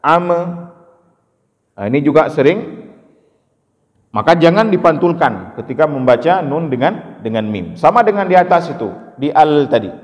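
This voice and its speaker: A man's voice: on the high side, big pitch swings, a little mellow. Patient male recitation teacher in a reverberant hall. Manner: patient, explains, then chants each word slowly as a model. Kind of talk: step-by-step recitation lesson.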